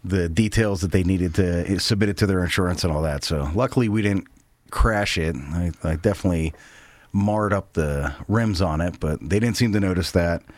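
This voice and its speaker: This podcast host, a man in his forties, speaks in a low voice at a moderate pace with no echo. He's conducting a relaxed band interview in a living room. His talk is friendly and rambling, with plenty of false starts.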